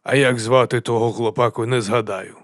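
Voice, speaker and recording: A man voicing a fat, cheerful, half-mad male chieftain, drawling and sing-song, dropping to a hush and then booming. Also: fairly even intonation, moderate pace, no echo, studio quality, close to an everyday voice. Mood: jovial, unhinged. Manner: drawling and sing-song, swinging between hushed and loud. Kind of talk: audiobook character voice.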